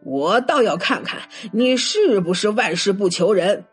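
A woman's voice: medium pitch, animated, moderate pace, breathy edge, faint music behind. A woman voicing an angry, pompous male prefect who scolds and blusters.

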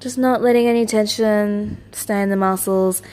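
A woman leading a guided meditation as its teacher, in a gentle, soothing, lulling manner with repeated soft instructions. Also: mid-range voice, fairly even intonation, moderate pace.

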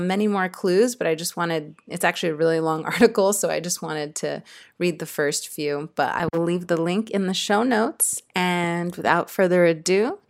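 Young woman podcast host, chatty, loose, upbeat, lowish voice. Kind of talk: casual podcast interview. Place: indoor room in Bali.

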